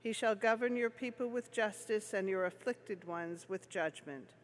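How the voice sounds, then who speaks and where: Woman, liturgical lector, measured formal reading, medium pitch, solemn scripture style. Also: in a large hall.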